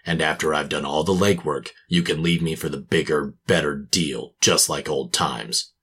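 A man's voice: very deep voice, steady tone, normal speed, a bit bright, slightly rough, heavily acted. A man playing a cynical hard-boiled private detective, narrating and talking in a clipped, sardonic tough-guy manner in a noir radio drama.

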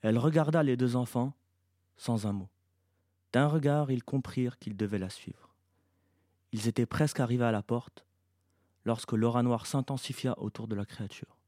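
A man, the author, reading his science-fiction novel aloud in an even, measured narration. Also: mid-range voice, dry recording, studio quality.

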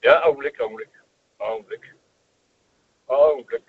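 Give me a husky man calling in on speakerphone. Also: mid-range voice, moderate pace. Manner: repeats himself while sorting out the line. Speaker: caller to a radio show. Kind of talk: hurried call-in phone chat. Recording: tinny phone line.

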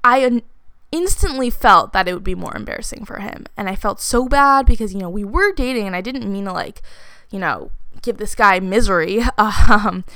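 A young woman in her twenties tells a personal story in a loose, chatty way, filling her sentences with "like" and laughing as she goes. Her voice is smooth and clean, at an ordinary pitch for a woman. The sound is dry and close, with no room in it. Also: animated, normal speed, sharp tone, no echo. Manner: chatty, many "like" fillers, laughs while talking.

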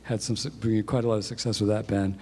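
A man's voice: fairly low pitch, little pitch movement, brisk, dark tone, big-room sound, slight background noise. A man in his sixties, born in England and raised in New Zealand, talking about his career in a chatty, self-deprecating way as an interview guest. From born in England, grew up in New Zealand. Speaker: guest, music industry executive. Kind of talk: conversational interview.

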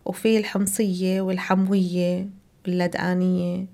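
A woman's voice: lowish voice, flat delivery, normal speed, vocal fry, mellow. A woman from Aleppo with an Aleppine Syrian Arabic accent, explaining things as a guest in a casual conversational interview.

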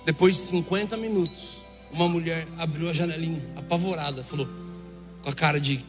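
A man with a Brazilian Portuguese accent preaching, telling a lively story and acting out the dialogue. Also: a little high, brisk. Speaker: preacher giving testimony. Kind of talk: storytelling sermon. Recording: echoey hall with faint music.

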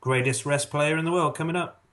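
Bright-voiced man calling snooker shot by shot. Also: on the high side, steady tone, a little fast. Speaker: podcast host doing snooker commentary. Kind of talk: live snooker commentary mixed with casual banter.

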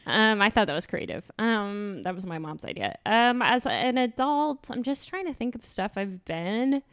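Young female co-host, relaxed and giggly, filler-heavy casual talk, dry close mic. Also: mid-range voice, normal speed, clean tone, dry recording. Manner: easygoing, many fillers, giggly. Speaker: podcast co-host. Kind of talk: casual chat.

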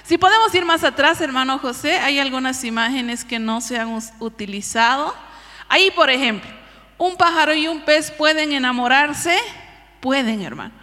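A woman's voice: high voice, expressive, normal speed, bright, forceful tone. A woman giving a sermon in a church, exhorting the congregation in a devout manner. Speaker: preacher's wife leading a sermon. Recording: church hall reverb.

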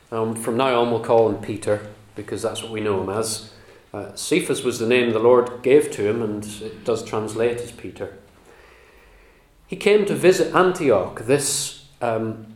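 A man preaching a sermon, teaching the Bible in an earnest, emphatic way with measured pauses. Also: medium pitch, darkish tone. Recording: roomy echo.

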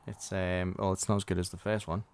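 A man's voice: low-pitched, little pitch movement, brisk, creaky, smooth. A man co-hosting a podcast in casual banter, teasing and mock-threatening his friend. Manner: teasing, mock-threatening, puts on silly voices. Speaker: podcast co-host.

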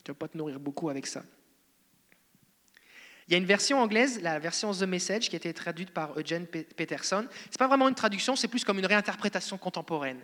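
French-accented male pastor, high bright voice, casual playful sermon, long church-hall reverb. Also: animated, quick pace. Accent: French (France). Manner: conversational, playful preaching.

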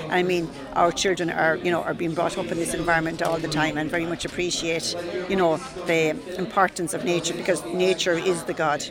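A woman's voice: lowish voice, little pitch movement, a little fast, few pauses. Of woman, chatting amid background chatter. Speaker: goat farmer and cheesemaker interviewed. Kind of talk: conversational interview.

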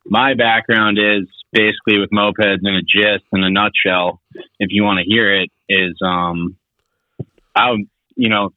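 A young Finnish man chats casually as a podcast guest, rambling in a laid-back way with lots of fillers. His voice sits on the low side with fairly even intonation and a measured pace. The recording is dry but sounds tinny, like a phone.

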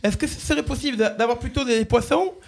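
A radio host doing a prank call, voicing a bumbling corporate communications manager who stammers and repeats himself. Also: male voice, very high voice, quick pace, gravelly, full character voice. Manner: stammering, hesitant, repeats words.

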